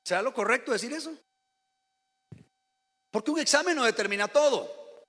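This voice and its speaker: With an extremely high, somewhat bright and expressive voice at a normal pace, a male pastor from Costa Rica preaches on Sunday, addressing the congregation with questions and calls to repeat after him. Reverb from the church sanctuary fills the recording.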